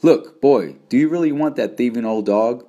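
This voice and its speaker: A man's voice: fairly low pitch, lively intonation, normal speed, a little mellow, dull audio. A man reading an audiobook, voicing a polite, good-humored young cowman in a friendly, easygoing manner.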